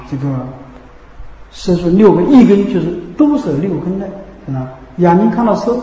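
High-voiced man giving a Buddhist sermon. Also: mellow. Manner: repetitive, checks in with rhetorical questions. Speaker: Buddhist teacher. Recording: echoey hall reverb.

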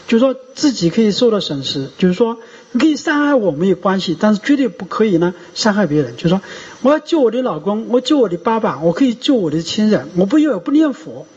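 Man preaching, high husky voice, lively rises and falls, dull lo-fi sound. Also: fast talker. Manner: storytelling, animated, rhetorical questions. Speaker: Buddhist monk teaching. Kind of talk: sermon. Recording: dull lo-fi recording.

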